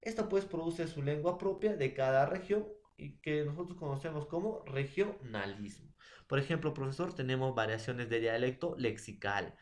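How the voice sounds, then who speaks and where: A man's voice: a little high, animated, normal speed. Man presenting a lesson in an echoey room. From Peru. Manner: addresses a teacher often, with many fillers and tag questions. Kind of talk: classroom presentation.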